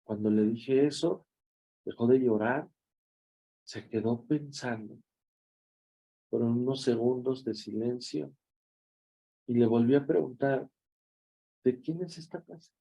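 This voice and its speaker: A man's voice: mid-range voice, steady tone, slow, creaky, long pauses, warm tone, husky, poor audio. A man with a Mexican accent, a pastor giving a devotional sermon in a conversational, storytelling way.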